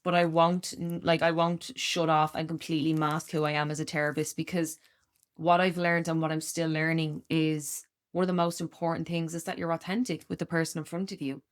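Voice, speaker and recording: Podcast co-host, woman in her thirties, loud giddy delivery, slightly low voice, laughs a lot. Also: flat delivery, fairly quick. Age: 30s. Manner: candid, laughs often, acts out quoted voices. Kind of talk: casual chat.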